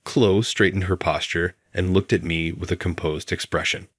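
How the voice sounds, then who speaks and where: A man reading a scripted story as narrator, calm and measured. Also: low-pitched, breathy edge, no echo, clean studio sound.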